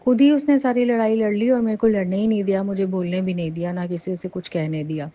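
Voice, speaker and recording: A woman recounting a personal testimony in a casual, animated way, with many fillers and restarts. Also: mid-range voice, fast talker. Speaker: devotee sharing a testimony. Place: lives near Jaipur.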